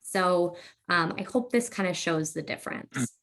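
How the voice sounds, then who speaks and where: A woman speech-language pathologist giving a webinar presentation, explaining in a relaxed way with frequent fillers. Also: fairly low pitch, a little slow.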